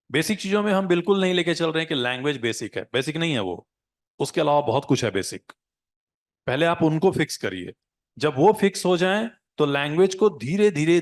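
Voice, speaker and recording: Hindi-English mixing male teacher, higher voice. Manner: mixes Hindi with English phrases; coaching, asks "है ना?" to check in. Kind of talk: live class lecture.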